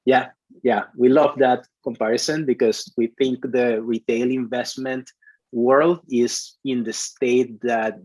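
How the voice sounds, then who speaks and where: A man from Venezuela in his thirties, a CTO answering interview questions in a halting way, full of restarts and fillers. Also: lowish voice, a little mellow, no echo, rough recording. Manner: hesitant, many restarts and fillers. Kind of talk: conversational interview.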